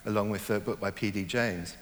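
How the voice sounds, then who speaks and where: A man's voice: fairly low pitch, steady tone, brisk, long reverb tail, a little hiss or hum. Thoughtful, hesitant middle-aged man novelist. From born in Germany, raised in Hong Kong. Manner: thoughtful, hesitant, many fillers and restarts. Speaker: novelist, interview guest. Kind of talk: reflective interview conversation.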